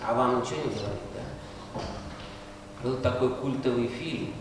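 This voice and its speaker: A man's voice: medium pitch, normal speed. An older man lecturing medical students at a university in a wry, conversational way, often putting rhetorical questions to them. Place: large lecture room, recorded from far off. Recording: very echoey hall, distant mic, loud noise.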